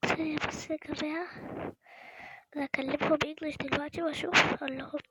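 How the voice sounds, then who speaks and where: A fast, high-pitched woman with an Egyptian Arabic accent, talking to her viewers in an anxious, excitable way. She keeps slipping into hushed whispers. The recording is noisy, with clicks in the background. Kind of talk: excited playthrough chat to viewers.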